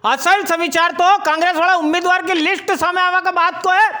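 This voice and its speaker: A woman's voice: extremely high pitch, steady tone, a little fast, over loud music. A woman presenting a local news bulletin in a Malwi accent, with a chatty, folksy storytelling delivery.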